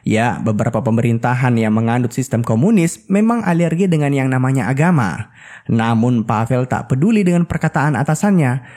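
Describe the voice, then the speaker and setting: A man's voice: medium pitch, expressive, fairly quick, a little mellow. Man narrating a film recap. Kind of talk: scripted storytelling narration with casual asides.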